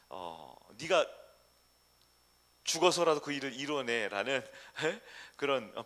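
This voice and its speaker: A man preaching a sermon as pastor in a church, asking the congregation questions and swinging between loud emphasis and hushed asides. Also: on the high side. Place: church sanctuary.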